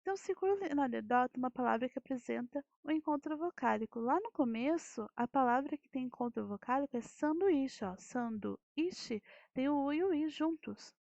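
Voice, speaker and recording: A woman's voice: high voice, expressive, a little fast, creaky, hardly any pauses, darkish tone, no echo. A Brazilian Portuguese-speaking woman teacher explaining a grammar lesson, asking rhetorical questions and often checking with "né". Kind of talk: recorded classroom lesson. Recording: dull lo-fi dry audio.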